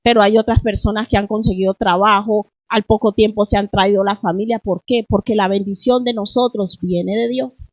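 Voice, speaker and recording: A woman's voice: medium pitch, steady tone, moderate pace, few pauses, no echo, low-quality recording. A middle-aged woman pastor preaching a sermon in church, asking the congregation question after question. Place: church in Spain.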